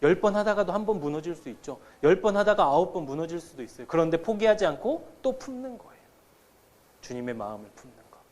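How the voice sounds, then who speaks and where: A man's voice: sits high, very animated, quick pace, darkish tone, slight background noise. A man in his thirties, a pastor preaching a sermon in a conversational, storytelling way to his congregation. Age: 30s. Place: church sanctuary.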